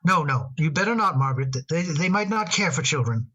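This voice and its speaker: A man acting in an old radio drama as a tender father talking fondly to his daughter, gentle and a little halting. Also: on the high side, animated, lo-fi sound.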